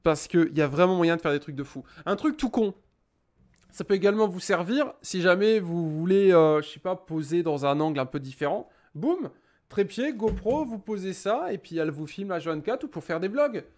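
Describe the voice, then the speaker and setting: A young man with a high voice chats casually at his home desk while testing a cheap webcam. He jokes around, rambles and swears lightly as he fiddles with cables and settings. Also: animated, moderate pace, a little mellow. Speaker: tech YouTuber. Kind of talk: casual product review vlog.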